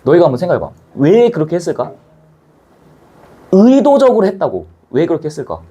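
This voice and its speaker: Animated high-voiced male teacher. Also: fairly quick, slightly rough. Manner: animated, chatty, acts out scenes, blunt slang. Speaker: Korean language teacher. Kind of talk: casual classroom lecture.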